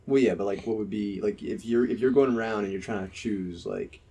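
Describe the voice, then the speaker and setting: A man's voice: fairly low pitch, a little fast, warm tone, breathy edge. A young man with a New Jersey accent, chatting casually on a podcast, rambling and hesitant with many fillers. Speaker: podcast co-host. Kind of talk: casual chat.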